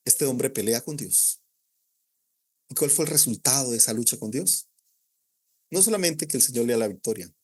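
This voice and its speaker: Picture a male pastor preaching with a husky, slightly breathy voice. His pitch rises and falls a great deal, dropping low and quiet before climbing back up into emphatic points. He fires rhetorical questions at his listeners and answers each one himself. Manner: swings between hushed low passages and raised emphatic ones. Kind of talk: sermon.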